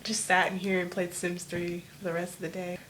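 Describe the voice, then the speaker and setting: A woman's voice: fairly low pitch, monotone, brisk, fairly bright tone, slight background noise. A teenage girl telling a personal story to camera at home, rambling casually and leaning on "like" as filler. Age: teens. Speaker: vlogger. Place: home room.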